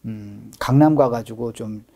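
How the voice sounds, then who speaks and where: A man's voice: medium pitch, unhurried, mellow. A middle-aged man, a real estate expert guest, explaining things in an interview with emphatic stress on key words.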